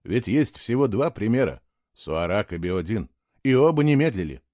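A man voicing a gentle, doubtful man who speaks softly and hesitantly, in an audiobook. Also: lowish voice, very animated, moderate pace, dry recording, clean studio sound. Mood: subdued. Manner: soft, quiet, hesitant. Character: gentle, doubtful man, soft-spoken partner.

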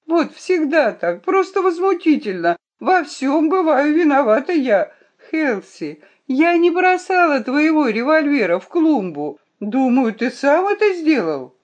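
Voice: medium pitch, sing-song, a little slow, a little mellow, dull audio. A reader voicing a tearful, indignant young woman. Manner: upset, trembling pleas. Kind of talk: audiobook reading.

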